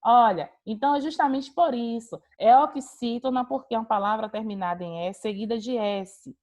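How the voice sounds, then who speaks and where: A woman's voice: on the high side, moderate pace, darkish tone. A woman teaching an online class, calling on students by name and praising their answers. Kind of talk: online class on a video call.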